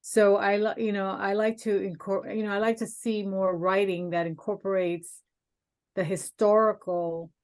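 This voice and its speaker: A woman joins an online workshop discussion, speaking hesitantly and starting her sentences over. Her voice is mid-pitched and plain, heard over a video call. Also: little pitch movement, normal speed. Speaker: workshop participant. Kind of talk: casual discussion.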